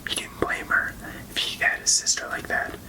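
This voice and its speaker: Casting: reader for whispered role-play, fully unvoiced library whisper, hushed and unhurried storybook narration.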